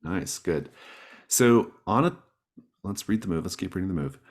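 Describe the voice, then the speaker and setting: Running a tabletop roleplaying game, a man with a low, husky voice shifts between reading from the rules, describing scenes and chatting with players. He sounds expressive and moves at a moderate pace, encouraging everyone and guiding them with questions.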